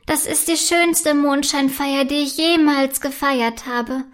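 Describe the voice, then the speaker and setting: An eager little girl princess, as a woman storyteller puts her on. She speaks in a bright, girlish voice, pitched very high. She is excitable but sleepy. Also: slow. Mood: bashful.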